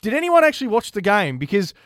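Animated Australian man, slightly high voice. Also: quick pace, no echo, clean studio sound. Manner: animated ranting. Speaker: podcast host. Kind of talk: casual sports podcast chat.

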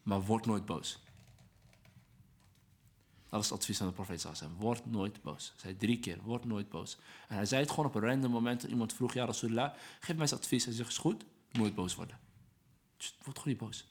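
A man's voice: lowish voice, fast talker. Earnest man preaching patience in casual talk. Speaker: guest speaker on Islam. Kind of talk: casual podcast conversation, preaching tone.

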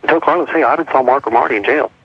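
A man talking to family over a jail payphone call, hurried and stumbling over his words. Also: medium pitch, breathy edge, no room sound. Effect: jail payphone call line. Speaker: jail inmate on a phone call. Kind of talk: casual phone chat. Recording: muffled archival phone recording.

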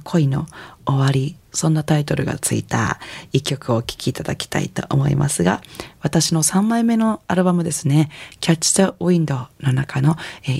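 A middle-aged woman with a Kansai accent hosts a radio music show and talks in a loose, chatty way. Her voice is husky with a gravelly edge, and it sounds close and dry. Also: deep voice, dry recording. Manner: relaxed, chatty, rambling. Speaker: radio host and singer. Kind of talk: casual radio DJ talk.

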